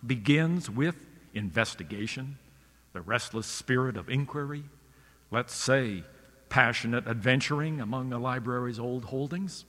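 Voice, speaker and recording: A man's voice: mid-range voice, fairly bright tone, long reverb tail. A man, a writer, giving a scripted radio lecture in a wry, literary storytelling manner.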